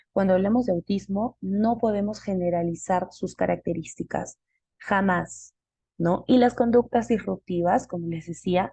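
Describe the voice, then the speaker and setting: A woman's voice: fairly low pitch, creaky, warm tone, husky, no room sound. A woman giving a live online class, explaining step by step and posing questions she then answers herself. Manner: explanatory, asks and answers her own questions.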